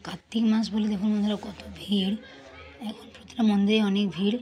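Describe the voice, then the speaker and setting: A woman with a hoarse voice from a cold, earnestly narrating a devotional vlog and addressing viewers as friends. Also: mid-range voice, steady tone, brisk, warm tone. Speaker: vlog host, pilgrimage guide.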